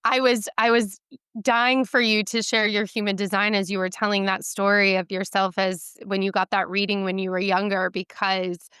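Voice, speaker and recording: A woman's voice: mid-range voice, flat delivery, normal speed, a bit bright, clean tone, no room sound, clean studio sound. A woman hosting a podcast interview, asking questions in an enthusiastic, chatty way. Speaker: podcast host. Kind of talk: casual interview chat.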